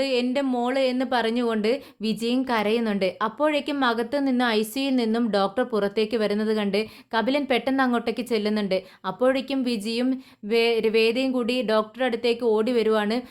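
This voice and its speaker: A woman narrating a voice-over retelling of a TV serial, conversational with frequent restarts. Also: fairly high pitch.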